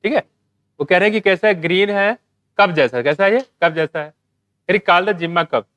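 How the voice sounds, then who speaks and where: A man teaching a biology exam-prep lecture, asking questions and answering them himself, reading English textbook lines slowly. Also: high voice, a bit bright, no room sound.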